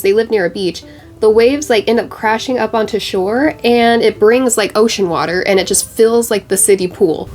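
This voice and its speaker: A young adult beauty vlogger chats casually while doing her makeup, bubbly and full of "like" fillers. A cold leaves her voice congested and stuffy. It sits in the mid-range and is a little mellow.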